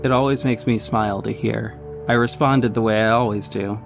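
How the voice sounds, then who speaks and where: A gravelly, fairly low male voice with a steady tone and moderate pace narrates earnestly as a young vigilante superhero, cocky but caring. It's a scripted audio drama mixing first-person narration and acted dialogue, with music in the background.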